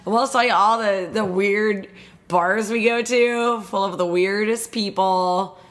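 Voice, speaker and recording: Woman, podcast co-host, casual chat, laughs a lot, mid-pitched voice. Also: fairly even intonation, a little slow. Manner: chatty, laughs often, swears.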